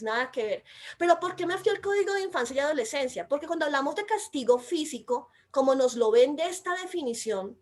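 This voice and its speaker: A Colombian woman and mother with a Colombian accent, explaining a law in an emphatic way and describing herself as loud by nature. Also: a little high. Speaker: mother and commentator. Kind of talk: explanatory commentary.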